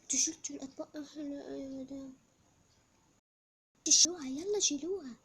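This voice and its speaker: Homemade whispered role-play: a young performer as a scolding, sharp stepmother, loud and a little high. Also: very fast, lightly acted. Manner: scolding, barking commands. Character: harsh bossy stepmother, shouting orders at servants.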